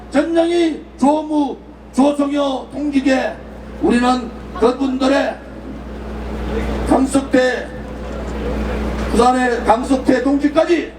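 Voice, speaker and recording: A man giving an impassioned political rally speech outdoors, shouting slogans and leading the crowd in call-and-response chants. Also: extremely high pitch. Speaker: political party speaker at a rally. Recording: echoey, distant, with crowd noise.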